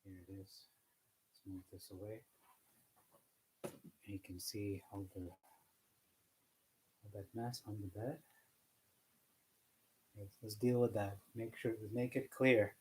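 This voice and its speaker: A man's voice: lowish voice, fairly even intonation, slow pace, pauses often, a little hiss or hum, poor audio. A man casually chatting to camera as he cleans his bedroom, rambling and self-mocking with lots of fillers. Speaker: vlogger streaming himself cleaning. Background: faint chiptune music playing.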